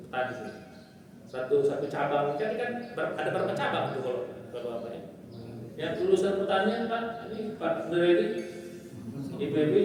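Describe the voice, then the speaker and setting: A man giving a lively sermon, teasing the congregation with questions. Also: mid-range voice. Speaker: preacher. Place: large echoing mosque hall. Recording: echoey hall, distant mic.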